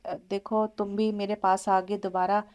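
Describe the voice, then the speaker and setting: A woman's voice: medium pitch, flat delivery, moderate pace, darkish tone, natural voice. A woman voicing an emotional young wife who pleads with her husband in a romantic audio novel. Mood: pleading. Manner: pleading, tearful.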